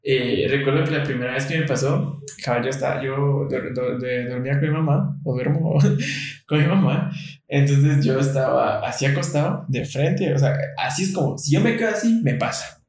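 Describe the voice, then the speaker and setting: A man telling a personal story in casual chat, animated, laughing often and checking that his listener follows. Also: mid-range voice, normal speed. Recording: very echoey room.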